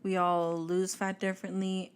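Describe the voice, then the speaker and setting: A woman co-hosting a podcast in casual chat, mostly giving short agreeing replies and then calmly explaining a point. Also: on the low side, moderate pace, smooth. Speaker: podcast co-host.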